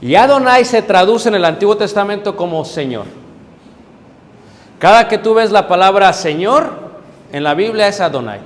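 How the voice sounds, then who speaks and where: A middle-aged man, a preacher, teaching a Bible class, explaining step by step, checking in with his listeners and pausing on hesitant fillers. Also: high voice, lively intonation. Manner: hesitant fillers while searching for words. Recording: reverberant hall with faint background noise.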